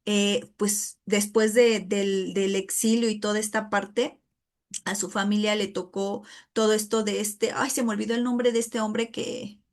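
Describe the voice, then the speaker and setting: A middle-aged woman teaching a Bible study in a conversational way, often calling listeners "brother" and filling pauses. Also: medium pitch, level tone. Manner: chatty, addresses listeners as "hermano", many fillers like "este".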